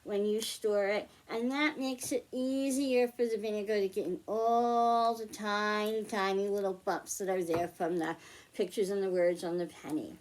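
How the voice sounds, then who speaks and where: In a rough recording, a woman of medium pitch talks at normal speed with fairly even intonation and a slightly mellow quality. As storytime host and children's librarian, she explains a hands-on science demonstration step by step, keeping her words simple and patient.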